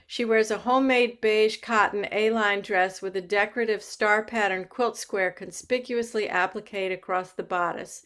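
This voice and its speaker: A woman reading the stage directions aloud at a play reading in a measured way. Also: medium pitch, fairly even intonation, fairly bright tone.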